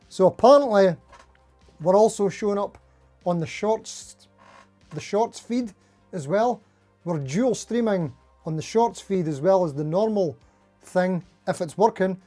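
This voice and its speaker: Over-caffeinated man with a mellow voice. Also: high-pitched. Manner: over-caffeinated, jittery rambling; self-deprecating. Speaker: live stream host, guitar player. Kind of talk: casual live stream chat, greeting viewers.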